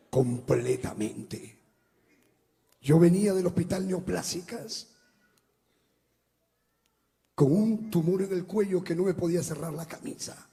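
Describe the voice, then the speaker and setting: A man, a pastor giving a dramatic testimony sermon that swings from shouting to hushed speech. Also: on the high side, vocal fry. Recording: long hall reverb.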